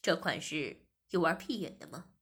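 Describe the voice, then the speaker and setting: A woman's voice: low voice, very animated, moderate pace, a bit bright, breathy edge, voice pushed down, heavily acted. A woman voicing a cold, domineering master in an audio story, speaking in a clipped, commanding way. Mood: brisk.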